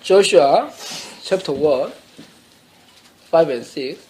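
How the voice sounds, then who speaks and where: A man's voice: fairly high pitch, lively intonation, drawn-out words, darkish tone, slight background noise. A man preaching a sermon as pastor, telling a story playfully and laughing often.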